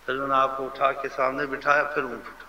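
A man preaching a devotional sermon with fervent, animated delivery, sometimes mimicking how people speak to others. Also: medium pitch, slight background noise. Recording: lo-fi recording with faint ambience.

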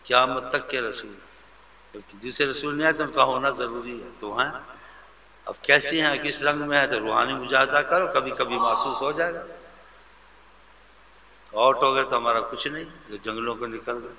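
A man preaching a devotional sermon with fervent, animated delivery, sometimes mimicking how people speak to others. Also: medium pitch, vocal fry, slight background noise. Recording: lo-fi recording with faint ambience.

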